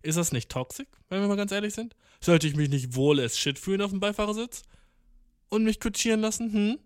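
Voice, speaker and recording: A man's voice: sits high, lively intonation, fairly quick, no room sound. Slangy young man, dry sound. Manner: slangy, ironic, rambling, mixes English words. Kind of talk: casual monologue to camera.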